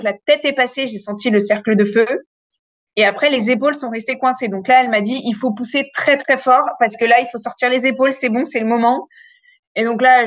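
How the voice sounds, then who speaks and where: A woman in her thirties frankly telling a long personal story in a casual, animated way, with many fillers. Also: fairly high pitch, dry recording, clean studio sound. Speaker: interview guest.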